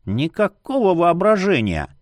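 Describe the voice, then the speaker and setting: A man's voice: high voice, wildly swooping pitch, measured pace, no echo, voice pushed up, heavily acted. A man voicing a chatty, nosy male ghost in an audiobook, speaking in a teasing, wry way.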